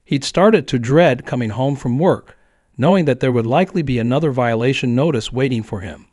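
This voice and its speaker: A man reading a scripted neighborhood story in a steady, even storytelling manner. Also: medium pitch, fairly quick, dry recording, clean studio sound. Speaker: narrator.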